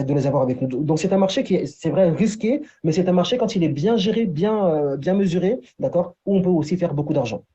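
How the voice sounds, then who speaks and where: A man's voice: fairly high pitch, dark tone, husky, highs cut off. A man presenting a business opportunity on a video call, talking in a loose way with many fillers, checking in with "d'accord". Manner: repeats "d'accord" and "entre guillemets", many fillers. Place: Paris.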